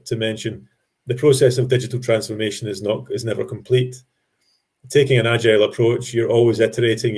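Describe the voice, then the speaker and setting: A man giving an explanatory business presentation to an industry audience, speaking in a measured way with frequent ums and restarted phrases. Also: on the low side, a little mellow.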